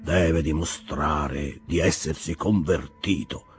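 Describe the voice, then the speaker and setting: A man voicing a stern, pious old whaling captain with a deep, sepulchral voice and a slow, severe delivery. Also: fairly even intonation, slightly rough, faint music behind, full character voice.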